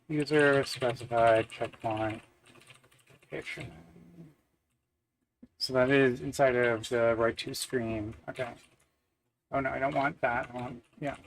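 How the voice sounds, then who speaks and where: A man's voice: medium pitch, a little hiss or hum, low-quality recording. A man, thinking aloud while coding on a live stream, muttering to himself with many fillers and wry self-deprecating asides. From Canada. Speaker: software developer live-streaming. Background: keyboard typing.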